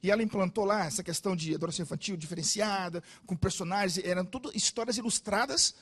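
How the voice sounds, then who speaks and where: A man with a Brazilian Portuguese accent preaching a sermon as pastor, telling stories animatedly with loud emphases and soft asides. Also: high voice, fast talker, slightly rough.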